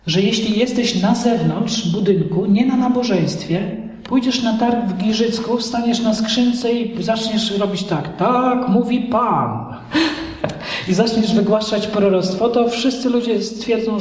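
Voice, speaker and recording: A male pastor preaching a sermon in an animated way, acting out the voices of people in his stories. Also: high-pitched, unhurried, far from the mic, slight background noise. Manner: animated preaching, acts out dialogues. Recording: echoey hall recorded from afar.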